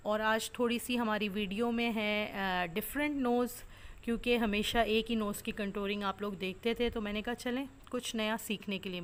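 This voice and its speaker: A woman's voice: fairly high pitch, pushed and bright. A woman makeup artist, narrating a makeup tutorial step by step, explaining products and techniques. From Pakistan. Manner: instructive, step-by-step explanations with many fillers.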